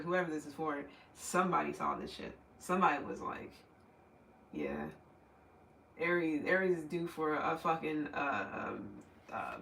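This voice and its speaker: A man's voice: high voice, vocal fry, pushed and bright, roomy sound, far from the mic, a little hiss or hum, rough recording. A man giving a casual, rambling tarot reading, swearing freely and laughing often. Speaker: tarot reader.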